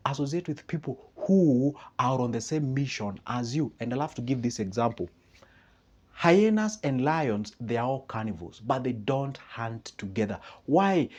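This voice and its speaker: Animated Kenyan man with a husky voice. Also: mid-range voice. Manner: animated, rhetorical questions, acts out friends' replies. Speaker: motivational speaker. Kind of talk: motivational talk. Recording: dull lo-fi recording.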